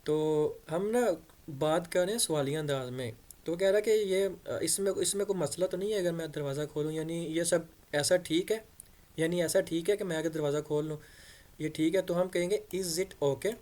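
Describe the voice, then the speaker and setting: Guy teaching english slow and patient, repeats stuff, spells words out, voice a bit high. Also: a little mellow. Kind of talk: explaining English in Hindi-Urdu.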